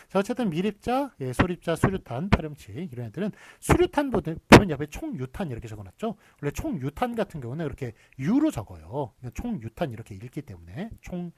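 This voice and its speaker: A man's voice: mid-range voice, a little hiss or hum. A middle-aged man lecturing on spelling rules, explaining step by step and often dropping short "yes" fillers. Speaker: university lecturer.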